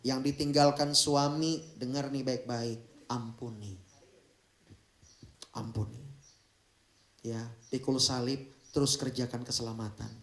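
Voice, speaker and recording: A man preaching an animated, humorous Sunday sermon, jumping between loud exclamations and hushed asides. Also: medium pitch. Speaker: pastor. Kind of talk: lively Pentecostal sermon. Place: large church hall. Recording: echoey church hall.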